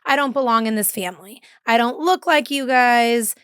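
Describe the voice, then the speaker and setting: Woman guest, slightly higher voice, easygoing and affirming, dry close mic. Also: normal speed, a bit bright, clean tone, dry recording. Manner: agreeable, frequent affirmations and laughs. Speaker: guest, mother. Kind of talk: casual chat.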